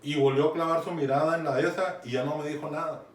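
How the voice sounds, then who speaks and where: A man preaches a sermon like a conversational lesson, talking fast at a fairly high pitch with fairly even intonation. He keeps checking in with listeners, asking "¿sí?" and urging "fíjate bien." The room is echoey, the mic distant, with some noise.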